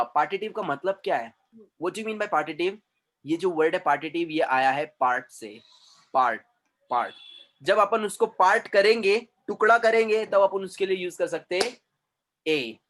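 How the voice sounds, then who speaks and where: A man's voice: fairly high pitch, a bit bright. A man with an Indian accent teaching English grammar to a class, emphatic and drilling sounds over and over. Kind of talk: classroom lecture.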